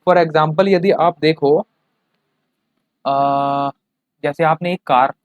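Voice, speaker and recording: A man's voice: fairly high pitch, fairly even intonation, very slow, no echo, dull audio. A man teaching a chemistry class, explaining with everyday examples and often checking that students follow.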